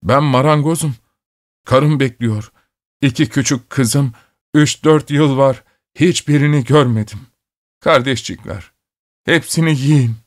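A man voicing a frightened, feverish wounded carpenter who begs in a hoarse, trembling voice. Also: lowish voice, takes it slowly. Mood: pleading, frightened.

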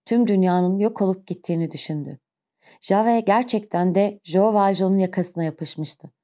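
A woman narrates a classic novel in a steady, expressive voice, with a mellow, dark tone. The recording sounds slightly muffled and dull. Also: medium pitch, normal speed. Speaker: audiobook narrator. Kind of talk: dramatic literary narration.

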